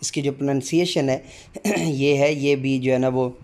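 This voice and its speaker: A middle-aged male teacher explaining the Urdu alphabet, calling out each letter slowly with many fillers between explanations. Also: mid-range voice, steady tone, a little mellow. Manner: drawn-out letter recitation with frequent fillers.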